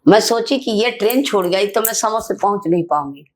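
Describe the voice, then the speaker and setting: An older woman activist telling a story in an interview, animated and indignant, acting out the dialogue. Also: mid-range voice, brisk. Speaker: activist guest.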